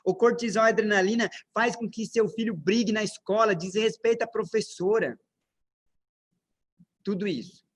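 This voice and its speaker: A man with a high, light voice and a Brazilian Portuguese accent delivers a parenting lecture. He keeps asking the room questions and answers them himself, in the steady, emphatic way of a teacher walking through his slides. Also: moderate pace. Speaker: parenting speaker.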